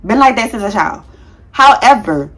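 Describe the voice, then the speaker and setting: A woman in her thirties, a nurse, chatting casually to her viewers in a vlog, talking fast with a heavy tongue and sometimes tripping over words. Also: medium pitch, lively intonation, a bit bright. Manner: frank, slangy, addresses viewers as y'all. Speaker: nurse and content creator.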